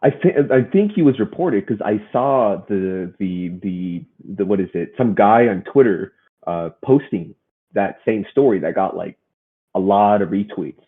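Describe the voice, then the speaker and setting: A man's voice: fairly low pitch, expressive, measured pace, husky. A man co-hosting a gaming podcast, chatting casually and rambling with many restarts. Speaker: podcast co-host. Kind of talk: casual chat. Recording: phone-like muffled audio.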